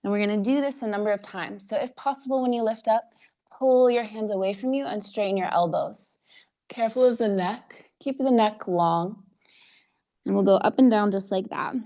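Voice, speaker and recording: A woman teaching a live online yoga class, giving calm step-by-step cues for breath and poses, a little out of breath as she demonstrates. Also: medium pitch, moderate pace. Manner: slightly out of breath while demonstrating. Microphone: video call.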